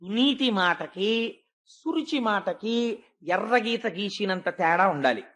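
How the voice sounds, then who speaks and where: A woman giving a devotional discourse, retelling a scripture story and acting out the characters' words with shifts in pace and loudness. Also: mid-range voice, lively intonation, slow pace. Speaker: spiritual speaker.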